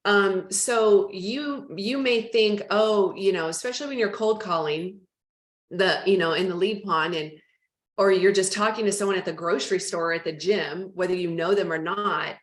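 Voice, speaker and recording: Chatty woman trainer in an echoey room. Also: medium pitch. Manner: chatty, animated, acts out phone calls. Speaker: real estate trainer. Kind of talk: team training session.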